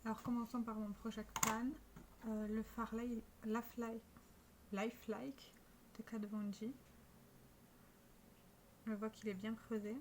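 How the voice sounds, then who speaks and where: Woman beauty vlogger, casual product walkthrough, slightly high voice, faint room hum. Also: flat delivery, a little slow, long pauses. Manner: chatty, showing products to camera with small restarts. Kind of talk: casual makeup vlog.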